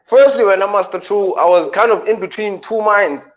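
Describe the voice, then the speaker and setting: A deep-voiced South African man co-hosts a radio show, trading playful comic banter and stretching out his punchlines. The audio sounds dull.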